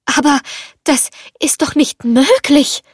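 A woman's voice: on the high side, moderate pace, no room sound, studio quality, lightly acted. A woman voicing a proud, earnest young woman held captive, in a storybook reading.

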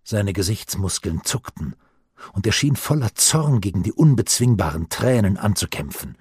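Man, audiobook narrator, calm and measured, husky voice, dry close sound. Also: fairly low pitch, no room sound. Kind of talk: scripted narration of a novel.

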